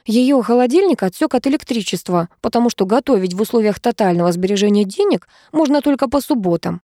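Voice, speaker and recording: A woman narrating a comic story in a wry, even manner. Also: a little high, fast. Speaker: audiobook narrator. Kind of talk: scripted narration.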